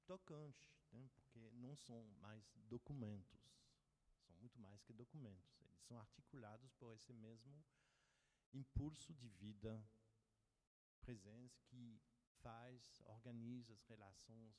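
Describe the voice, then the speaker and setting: A man giving a reflective academic talk, pausing and restarting as he thinks. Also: mid-range voice, dark tone, big-room sound. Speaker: speaker at a talk. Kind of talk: academic presentation.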